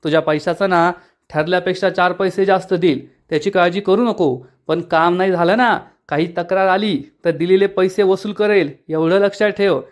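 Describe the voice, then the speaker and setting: A man's voice: high-pitched, moderate pace, lightly acted. Man voicing a stern boss, firm, businesslike. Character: stern middle-aged boss, warning.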